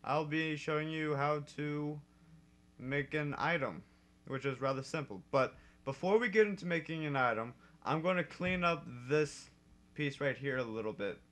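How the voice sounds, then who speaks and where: A man's voice: fairly high pitch, normal speed, a bit bright. Chatty young man explaining code. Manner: chatty and self-correcting, laughs at own slips. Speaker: modding tutorial host. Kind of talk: casual screen-recorded coding tutorial. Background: keyboard typing.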